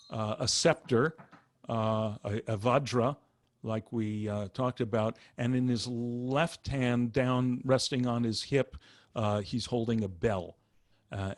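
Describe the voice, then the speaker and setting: Male meditation teacher, slow and patient, mid-pitched, dry sound. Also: dry recording. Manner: unhurried, patient explaining. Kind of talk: instructional talk.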